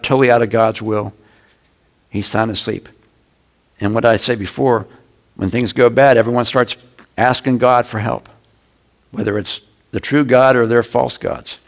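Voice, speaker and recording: A middle-aged pastor with a medium-pitched voice preaches a conversational sermon, breaking into sudden loud shouts.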